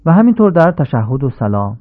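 A man teaching correct Quran recitation, slowly chanting short Arabic phrases as examples and explaining the mistakes between them. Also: mid-range voice, big pitch swings. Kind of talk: radio lesson on recitation. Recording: narrow phone-like band, old radio tape.

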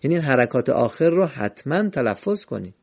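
A man teaching the rules of Quran recitation in a patient, methodical way, slowly chanting verses as examples. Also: medium pitch, very animated, darkish tone, husky. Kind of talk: explanatory lesson. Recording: dull lo-fi recording.

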